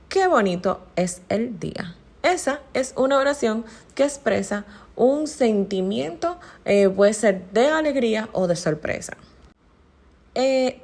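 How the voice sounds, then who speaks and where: Woman teacher, animated pitch, explanatory lesson delivery with filler pauses. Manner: explanatory, uses many fillers and examples.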